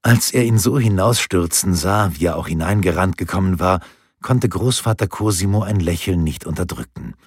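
A man narrating an audiobook with expressive storytelling, recorded on a close studio mic. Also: low-pitched, normal speed, slightly rough, no echo. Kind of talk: scripted narration.

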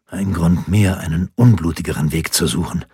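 A man voicing a calm, grave imprisoned nobleman in an audiobook, measured and sober. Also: low voice, slightly rough, no room sound, clean studio sound, voice pushed down, heavily acted.

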